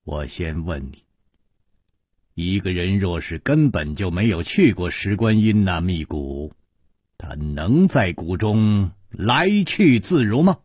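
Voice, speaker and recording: A man voicing a shrewd, cool-headed male swordsman hero who reasons slowly and deliberately. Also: low-pitched, expressive, a little mellow, breathy edge, no echo, studio quality, heavily acted. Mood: probing. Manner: slow, deliberate, coldly reasoning.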